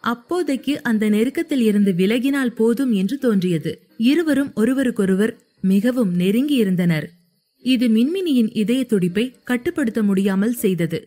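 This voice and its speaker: A woman reading a romance story aloud in steady scripted narration. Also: on the high side.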